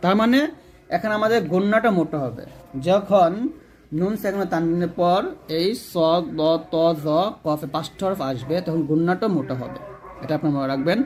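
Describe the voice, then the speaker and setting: High-voiced man teaching recitation rules. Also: normal speed. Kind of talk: online tajweed lesson.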